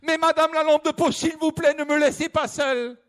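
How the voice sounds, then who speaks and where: A man acting out a frightened lost male hiker who cries for help in a shrill, frantic voice during a sermon parable. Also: fairly even intonation, brisk, fairly bright tone. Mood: pleading.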